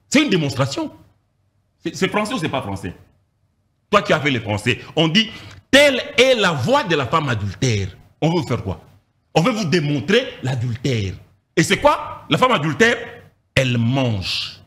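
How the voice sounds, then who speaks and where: Emphatic pastor. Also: male voice, on the high side, bright, forceful tone. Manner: emphatic, repeats phrases, rhetorical questions. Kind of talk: animated Bible teaching in a televised discussion.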